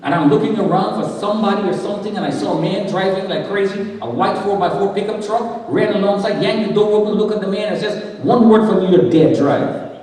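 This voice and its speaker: High-voiced man preaching in echoey hall. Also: quick pace, hardly any pauses, darkish tone. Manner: dramatic storytelling, acting out quotes. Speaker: guest speaker. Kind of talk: testimony sermon. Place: church sanctuary. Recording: echoey church hall from far off.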